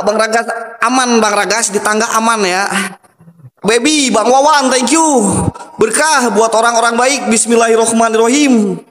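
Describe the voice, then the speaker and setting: A young man live-streaming as he explores an empty building, chatting casually with viewers, jumpy and easily startled, chanting summons between remarks. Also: extremely high pitch. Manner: jumpy, startled outbursts and whispered invocations. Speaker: horror livestream explorer. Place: empty abandoned building indoors. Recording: echoey hall reverb.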